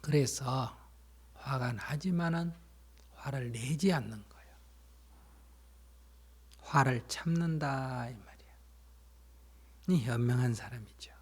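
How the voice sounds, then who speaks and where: A man, a Buddhist monk, giving a dharma talk that explains and tells stories, sometimes asking his listeners questions and dropping to a soft, whispery emphasis. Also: medium pitch, slow, long pauses, breathy edge. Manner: plain explanatory storytelling, asks listeners questions.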